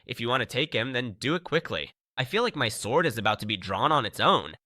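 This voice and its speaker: A man voicing an arrogant, quick-tempered master swordsman in a story recap, speaking in a haughty, threatening way. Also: medium pitch, animated, pushed and bright, dry recording, studio quality.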